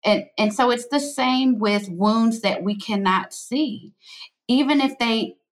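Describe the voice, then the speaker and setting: A woman author who is a guest on an interview, talking in an earnest, expressive way and laughing often. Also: fairly high pitch, slow pace. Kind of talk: conversational interview.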